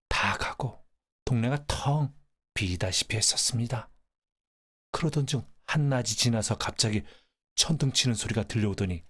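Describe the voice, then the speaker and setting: A man reading a short story aloud as an audiobook narrator, measured and even. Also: on the low side, slightly rough. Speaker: audiobook reader.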